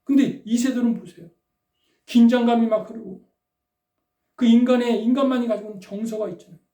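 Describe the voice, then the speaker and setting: A woman preacher delivering a sermon, prodding her listeners with quick rhetorical questions. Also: a little high, fairly even intonation, dark tone. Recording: roomy echo, distant from the mic.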